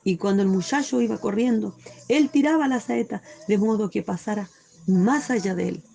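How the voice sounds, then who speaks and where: A woman's voice: mid-range voice, moderate pace, vocal fry, warm tone. A woman teaching a Bible study sermon, reading scripture aloud and explaining it fervently, often asking "cierto?" and breaking into praise.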